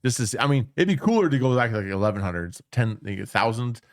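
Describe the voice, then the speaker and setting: Guy rambling fast in a podcast chat, cussing a lot, dry close sound. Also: mid-range voice, animated, no echo. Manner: rambling, swearing, restarts a lot. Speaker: podcast co-host. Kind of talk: casual chat.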